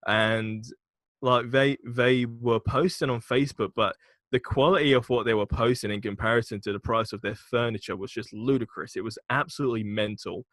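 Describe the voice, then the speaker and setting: A man's voice: mid-range voice, normal speed, fairly bright tone, no echo. A man, a podcast guest talking frankly and casually about his marketing work, laughing and swearing now and then. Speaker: podcast guest, agency founder.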